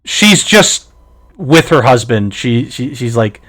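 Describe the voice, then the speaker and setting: A man narrating a tabletop game as game master, lively and halting with fillers. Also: mid-range voice.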